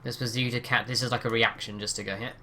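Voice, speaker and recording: A man's voice: mid-range voice, flat delivery, fast, pushed and bright, slight background noise. A man narrating as game master of a tabletop game, hesitant and full of "um" and "sort of" fillers.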